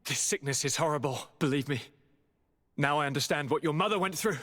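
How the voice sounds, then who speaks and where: In a dramatic video game performance, an actor voices an ailing young nobleman governor who is courteous, anguished and devoted, weakened and suffering from sickness. His delivery is formal, theatrical, pleading and breathy, weary yet animated, in a voice on the high side and a bit bright, at a fairly quick pace. The recording has a long, hall-like reverb.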